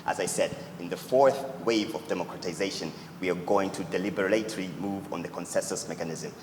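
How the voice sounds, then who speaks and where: Deep-voiced founder fielding judge questions; earnest, leans on "actually"; long reverb from a big hall. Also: male voice, fairly quick, background noise. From Tanzania. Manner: earnest, repeats "actually" often. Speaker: startup founder answering judges. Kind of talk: pitch Q&A answer. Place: event hall. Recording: echoey hall with loud ambience.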